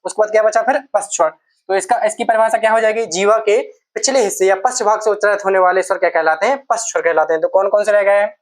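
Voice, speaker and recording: A woman's voice: medium pitch, fairly even intonation, quick pace. A woman teaching a Hindi grammar lesson for exam preparation, explaining step by step, asking questions and answering them herself, and repeating key terms.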